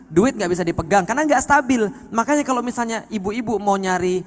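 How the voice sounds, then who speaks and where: Male preacher, high voice, lively emphatic lecture, long hall reverb. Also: quick pace. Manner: lively, swings from quiet to loud, keeps asking the audience if they understand. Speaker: Islamic preacher. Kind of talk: religious lecture to a live audience.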